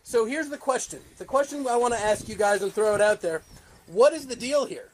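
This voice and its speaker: A man hosting a casual roundtable, asking quick questions in an enthusiastic, joking manner. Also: very high-pitched, animated. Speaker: host, moderator.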